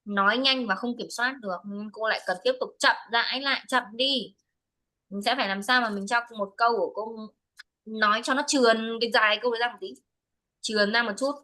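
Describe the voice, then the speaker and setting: Bright-voiced woman teacher giving firm feedback. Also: a little high, steady tone, brisk, poor audio. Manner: switches between English and Vietnamese, corrective and insistent. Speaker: English speaking teacher. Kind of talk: one-to-one speaking test feedback.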